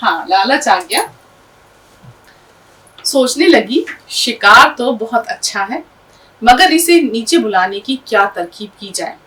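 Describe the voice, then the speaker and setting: A woman's voice: on the high side, lively intonation, long pauses, a bit bright, recorded from a distance, poor audio. A woman teaching an Urdu lesson, patiently spelling words letter by letter and asking her class questions.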